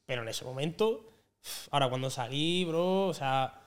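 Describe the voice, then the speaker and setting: A man's voice: mid-range voice, normal speed. A young man, a podcast guest telling a story in casual, slangy talk and acting out what people said. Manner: animated, slangy, acts out quotes. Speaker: guest singer.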